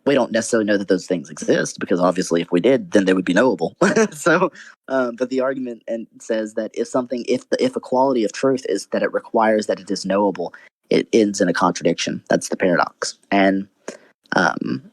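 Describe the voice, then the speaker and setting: A young man with a low-pitched voice, arguing a philosophical point in a casual online debate. He thinks aloud, stumbling through restarts and fillers as he goes. The sound is dry and close, with no room around it. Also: brisk, no room sound.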